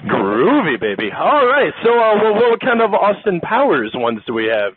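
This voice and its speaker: Young male host, playful chat voice, slightly high, lo-fi tinny recording. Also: big pitch swings, moderate pace. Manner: playful, upbeat, joking. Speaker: show host. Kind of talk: casual interview. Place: bar in a restaurant. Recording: tinny phone-like sound, faint hiss.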